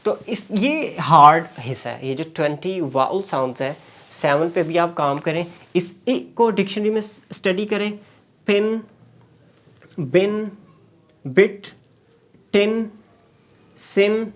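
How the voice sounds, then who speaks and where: A man teaching English pronunciation in a lecture, mixing Urdu with English and repeating single sounds slowly. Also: fairly high pitch, expressive, fairly bright tone.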